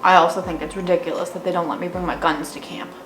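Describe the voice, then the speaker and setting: Woman acting both sides crude unbothered jobsite guy chatting, lowish voice, echoey room w/ faint music. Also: steady tone, fast talker, close to an everyday voice. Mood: defensive, nonchalant. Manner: playing both parts of a re-enacted conversation, casual tradesman talk. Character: blunt, careless male construction coworker, unbothered and crude. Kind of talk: acted dialogue re-enactment. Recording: roomy echo, faint music.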